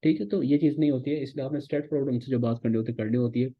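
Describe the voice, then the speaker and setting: A man's voice: mid-range voice, racing, phone-quality sound. A man teaching a recorded online lecture, explaining step by step and checking in with "theek hai" again and again. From Pakistan. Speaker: course instructor.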